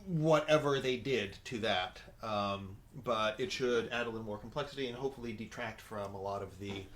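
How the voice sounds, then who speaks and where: A man's voice: lowish voice, moderate pace, fairly bright tone. A man co-hosting a drink tasting show. He speaks in a dry, wry way and moves the segment along. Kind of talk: casual tasting chat.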